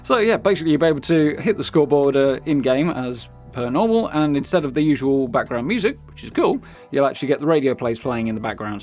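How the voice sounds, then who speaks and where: Over background music, a man with a British accent and a voice on the high side hosts a gaming news video. He keeps it chatty, upbeat and informal, mixing his own commentary with reading aloud.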